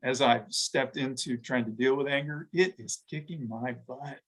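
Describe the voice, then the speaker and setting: A middle-aged man speaks as an interview guest, thinking aloud as he goes. His delivery is halting and reflective, full of fillers and sentences he restarts, with a voice of ordinary male pitch. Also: poor audio. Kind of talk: reflective conversation.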